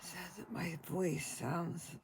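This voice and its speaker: Very slow and halting, an older woman pauses for deep breaths between phrases of her relaxed home vlog. The voice is croaky, weary and husky with a gravelly edge, and a steady hiss runs through the recording.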